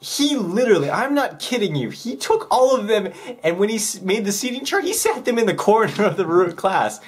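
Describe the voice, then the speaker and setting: A man's voice: high voice, sing-song, fairly quick, slightly rough. A young man telling a school story in casual vlog chat, rambling with many fillers. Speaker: vlogger.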